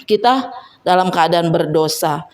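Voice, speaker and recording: A woman's voice: on the low side, measured pace. A woman giving an earnest personal testimony and exhortation at a church fellowship, often turning to her listeners with rhetorical tags.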